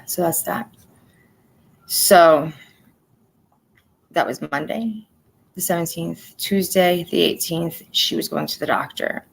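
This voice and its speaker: A woman with a fairly low voice gives an emotional personal update to her viewers. She talks bluntly and plainly, swears freely and repeats phrases to drive her point home. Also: gravelly, fairly bright tone, a little hiss or hum, poor audio. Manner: blunt and profane, venting frustration; plainspoken, repeats herself for emphasis. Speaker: vlogger.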